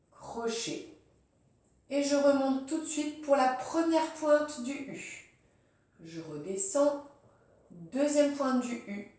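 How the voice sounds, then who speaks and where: A woman teacher calmly talking through handwriting strokes one step at a time, as a lesson demonstration. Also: on the high side, recorded from a distance. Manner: calm, step-by-step, narrating each pen stroke. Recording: very roomy, voice off-mic.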